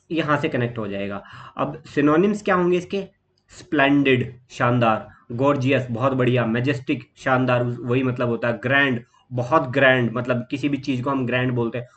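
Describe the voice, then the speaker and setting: A man with an Indian accent teaching exam vocabulary in a steady explanatory lesson, listing words and pausing on fillers. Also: mid-range voice, lo-fi sound.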